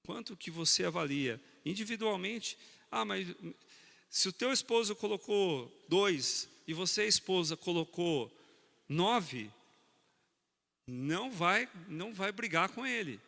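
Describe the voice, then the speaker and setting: A man preaching a sermon on marriage, animated, teasing his congregation and speaking to them directly. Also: high-pitched, gravelly, big-room sound.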